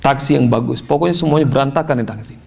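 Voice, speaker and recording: A man giving a sermon, telling a story in an animated way and rising to high, emphatic tones when quoting. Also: quick pace, gravelly. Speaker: preacher.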